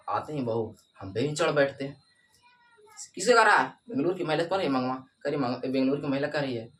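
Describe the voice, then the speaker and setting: A teacher retelling a story for exam revision, constantly quizzing listeners with quick repeated questions and calling them brother. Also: medium pitch. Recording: voice somewhat far from the mic.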